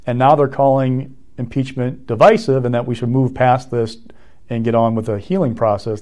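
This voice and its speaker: Male reporter giving political analysis, warm relaxed tone, mid-range voice. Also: mid-range voice. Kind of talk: political analysis on a talk show.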